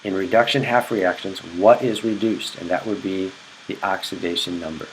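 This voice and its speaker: Male chemistry teacher, lowish voice, patient repeating lecture style, faint noise behind. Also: fairly even intonation, moderate pace, rough recording. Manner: repetitive, checks in with "okay?". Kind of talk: recorded classroom lecture.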